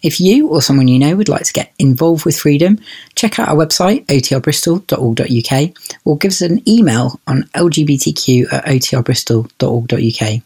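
A young man from a youth project reading a prepared radio segment in an earnest, steady way. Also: fairly high pitch, fairly quick, husky.

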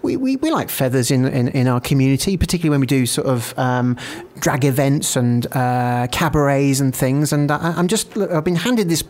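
A man's voice: mid-range voice, expressive, moderate pace, hardly any pauses, darkish tone. A man hosting a radio show in a studio, chatting casually and interviewing a guest, hesitant with many fillers and restarts.

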